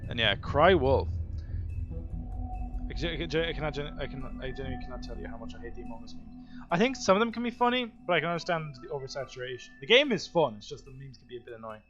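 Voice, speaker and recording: A man's voice: medium pitch, big pitch swings, rapid-fire. A man hosting a gaming channel, chatting casually while he plays and joking with his viewers in a playful, teasing way, laughing often. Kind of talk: casual let's-play commentary. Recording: dull lo-fi mic. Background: game music.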